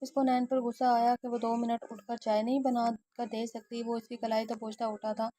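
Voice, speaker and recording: A woman reading a romance novel aloud as narrator in steady storytelling. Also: a little high, no room sound, clean studio sound. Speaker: audiobook narrator.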